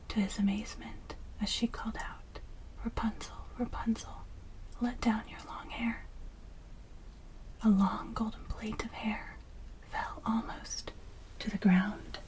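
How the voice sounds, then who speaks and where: A woman's voice: fairly high pitch, warm tone, rough recording. Woman whispering a fairytale close to your ear. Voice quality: breathy, unvoiced whisper. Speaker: storyteller. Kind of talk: whispered ASMR fairytale reading. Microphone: close ear-to-ear microphone.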